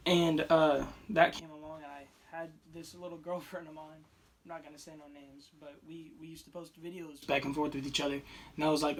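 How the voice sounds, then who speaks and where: A raspy-voiced teenage boy rambling casually into his phone camera, restarting sentences and swinging between loud and quiet. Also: fairly high pitch. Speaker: vlogger. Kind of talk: casual unscripted vlog.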